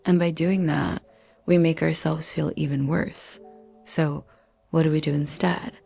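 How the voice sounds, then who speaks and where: A woman narrating a scripted self-help talk in a calm, measured way, sometimes dropping to breathy near-whispers. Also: low-pitched, soft background music. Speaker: motivational narrator.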